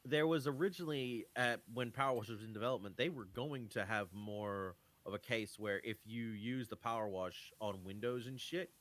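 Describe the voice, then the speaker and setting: A man's voice: fairly low pitch, normal speed, hardly any pauses, fairly bright tone. A man in a casual chat about games, blunt and swearing freely.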